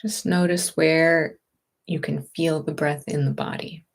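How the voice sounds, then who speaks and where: With a lowish, slightly creaky voice and a steady tone, a woman meditation teacher guides gentle movement and stillness. She speaks very slowly and reassuringly, leaving generous space between phrases.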